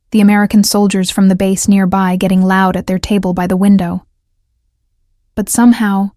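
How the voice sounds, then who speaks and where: A woman narrating a first-person romance story in an even, measured scripted delivery. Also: mid-range voice, no echo, studio quality.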